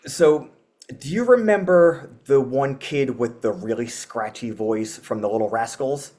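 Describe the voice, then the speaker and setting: Medium in pitch and a little mellow, this man speaks unhurriedly. A metal band frontman guesting on a podcast, he rambles through a relaxed interview chat, laughing often and leaning on filler words.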